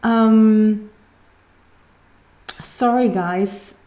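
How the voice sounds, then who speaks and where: A young Swedish woman, speaking with her native accent, does a relaxed tarot reading extremely slowly in a warm, mid-range voice with fairly even intonation. She rambles, keeps searching for words, and leans on many fillers.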